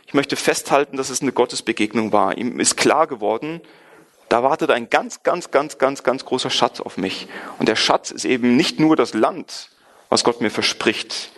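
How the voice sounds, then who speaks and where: A man's voice: mid-range voice, fairly bright tone. A man from Germany giving an earnest, emphatic sermon, reading scripture aloud and stressing points by repetition. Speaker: preacher.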